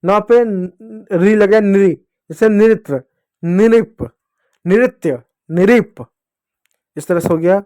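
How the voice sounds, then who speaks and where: Slow, high-voiced man teaching letters. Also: warm tone. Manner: slow, repeats each syllable for children to echo. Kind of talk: Hindi reading lesson for children.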